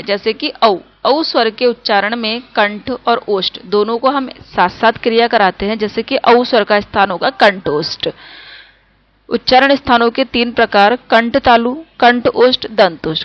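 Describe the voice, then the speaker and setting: Woman teacher, careful slow grammar lesson, fairly high voice, dull lo-fi sound.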